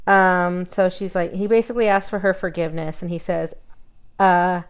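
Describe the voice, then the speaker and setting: A woman with a somewhat low voice rambles through a casual podcast chat. She strings events together with "and then she's like" and drops the occasional swear word, loose and unscripted. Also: fairly even intonation, normal speed, clear, resonant tone. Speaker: podcast co-host. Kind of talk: casual book-club chat.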